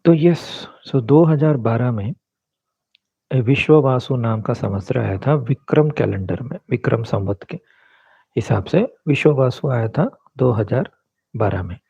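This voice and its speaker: A man's voice: medium pitch, lively intonation, a little slow, vocal fry, mellow, slightly rough, no room sound. A man explaining astrology in a casual talk, mixing English words into his Hindi. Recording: dull, lo-fi dry sound.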